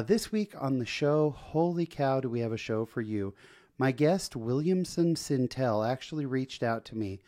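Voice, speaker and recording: A man in his own podcast studio, hosting an interview with lively enthusiasm and a chatty flow. His voice sits at an ordinary middle pitch, and he leans on easy fillers as he talks. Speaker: podcast host.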